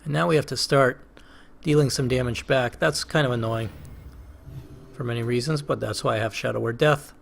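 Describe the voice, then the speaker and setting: A man's voice: medium pitch, moderate pace, gravelly. A man with a Boston accent hosting a casual let's play, thinking aloud through each move with hesitant, self-questioning commentary. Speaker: gaming channel host.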